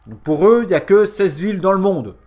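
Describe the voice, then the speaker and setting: High-voiced, lively male gaming host. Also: fairly quick, faint music behind. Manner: mocking, slangy, emphatic. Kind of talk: casual sarcastic game review.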